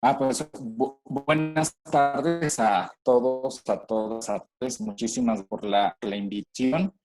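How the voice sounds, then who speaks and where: A man's voice: medium pitch, steady tone, slow pace, over loud music. A man speaking as a guest speaker over a choppy, robotic-sounding bad video call connection, polite and hesitant and repeating words. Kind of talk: online talk opening.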